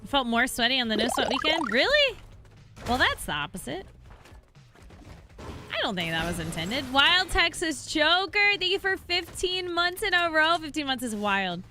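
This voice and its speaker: A woman's voice: high-pitched, sing-song, moderate pace, sharp tone, a little hiss or hum. A woman livestreaming while gaming, chatting casually and thanking viewers in a bubbly way. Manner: bubbly, reads out chat and thanks subscribers.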